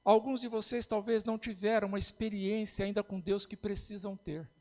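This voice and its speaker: High-voiced Brazilian pastor preaching. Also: male voice, steady tone, a little fast, a little mellow, long reverb tail. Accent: Brazilian Portuguese. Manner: impassioned preaching. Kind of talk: sermon.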